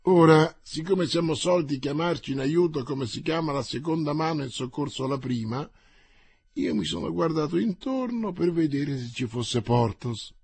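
Male audiobook narrator, slightly husky, dramatic reading of a classic novel, dry close sound. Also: a little high, moderate pace, darkish tone, dry recording. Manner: dramatic reading, raising the voice for dialogue. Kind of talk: scripted narration of a classic novel, voicing each character.

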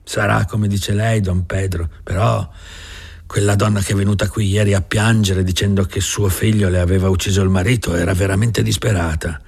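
Guy voicing worried old foreman, sighing, low husky voice. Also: fairly even intonation, moderate pace, a little mellow, full character voice. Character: older worried ranch foreman. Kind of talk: audiobook character reading.

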